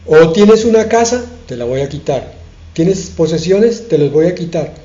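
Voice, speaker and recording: A man preaching a sermon as a pastor, earnest and emphatic, slowing down and pausing to stress his points. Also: on the high side, lively intonation, dark tone. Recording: echoey room, dull sound.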